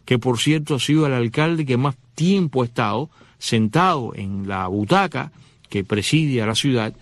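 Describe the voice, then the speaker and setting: A man's voice: medium pitch, expressive, normal speed, dry recording. A man, explaining in a casual, conversational way and speaking straight to the listener. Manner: conversational, addresses listener directly.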